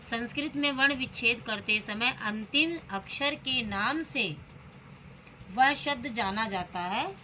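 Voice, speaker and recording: Bright-voiced woman teaching children slowly. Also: a little high, a little hiss or hum. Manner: spells words out sound by sound, asks the children questions. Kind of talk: slow, patient classroom explanation.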